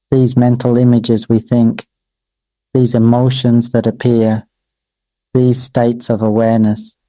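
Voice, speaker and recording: A man, a Buddhist monk, delivering a dharma sermon in slow, measured, repetitive phrases and addressing his own voice directly. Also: mid-range voice, mellow, no room sound, rough recording.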